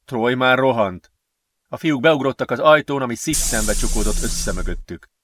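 A man reading an adventure novel aloud as an audiobook narrator, steady and measured. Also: mid-range voice, slight background noise. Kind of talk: scripted narration.

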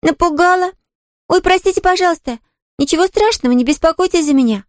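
A woman narrating an audiobook voices a sunny, chatty little orphan girl who is eager, bubbly and quick to reassure. The character's voice rides high and bright over the narration, recorded dry and close with no echo.

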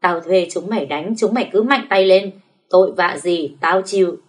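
A woman voicing a brash, vicious woman who loudly orders a beating. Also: mid-range voice, normal speed, natural voice. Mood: sneering, vicious. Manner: loud, sneering, commanding.

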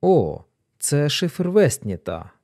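A man voicing a calm, composed male detective who speaks low and matter-of-fact. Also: slow, heavily acted.

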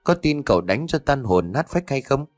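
A man's voice: medium pitch, sing-song, normal speed, a little mellow, dry recording, studio quality, soft background music, pitched above the performer's own voice, lightly acted. A man voicing a stern male exorcist master in an audio story, scolding and giving orders.

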